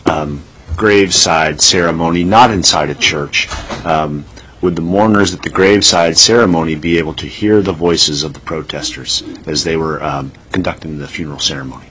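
A man's voice: very deep voice, fairly even intonation, normal speed, fairly bright tone, a little hiss or hum, low-quality recording. A man chairing a legislative committee hearing, speaking plainly with frequent ums.

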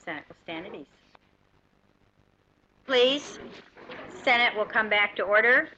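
A woman's voice: medium pitch, lively intonation, a little slow, bright, forceful tone. An American woman presiding over a legislative session, giving formal procedural directions to the chamber. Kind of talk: parliamentary procedure. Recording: dull lo-fi chamber recording, faint noise.

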